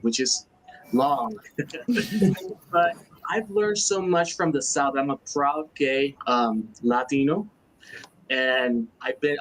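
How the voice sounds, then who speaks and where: A man's voice: mid-range voice, a bit bright, a little hiss or hum, low-quality recording. A man, speaking earnestly as a guest on a video call panel. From Puerto Rico. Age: 40s. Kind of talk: casual panel talk.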